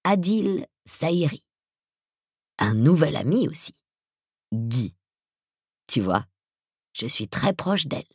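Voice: mid-range voice, big pitch swings, takes it slowly, pauses often, a little mellow, breathy edge, no echo, studio quality, full character voice. Narrator doing a hissing, hollow-voiced villain. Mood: quiet menace. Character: hulking middle-aged male villain, menacing. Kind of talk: audiobook character voice.

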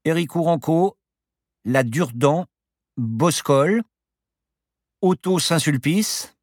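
A man voicing an anxious, sharp-tongued young woman who sounds alarmed and pleading. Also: a little high, lively intonation, slow pace, dry recording, studio quality, voice pushed up.

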